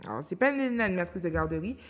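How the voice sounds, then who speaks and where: A woman from Martinique hosting a studio talk show, who speaks in a measured, reflective way and reads out viewer comments. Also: on the low side, expressive, big-room sound. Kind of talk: studio discussion.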